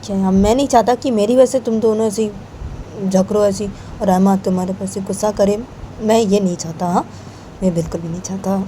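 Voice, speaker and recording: A woman's voice: medium pitch, fairly even intonation, a little fast, warm tone, a little hiss or hum, natural voice. A woman voicing a young man, a cousin who keeps repeating himself insistently in a homemade story. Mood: apologetic. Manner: repetitive, insistent. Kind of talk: amateur storytelling voice acting.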